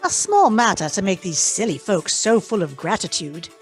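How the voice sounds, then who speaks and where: Enigmatic Ghost of Christmas Past, lilting. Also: female voice, mid-range voice, sing-song, moderate pace, slightly rough, faint music behind. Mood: wryly provoking. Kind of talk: theatrical radio drama acting.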